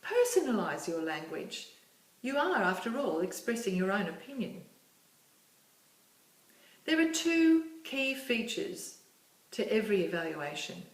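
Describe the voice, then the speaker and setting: A woman giving a measured, explanatory recorded lecture as a course instructor. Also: mid-range voice, very animated. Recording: echoey room, distant mic.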